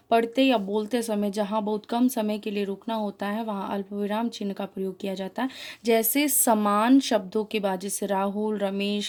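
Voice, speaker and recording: A woman teaching a school grammar class, her voice mellow and warm rather than bright. She explains step by step in a clear, deliberate way, pausing on each example and setting right her own small slips. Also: mid-range voice.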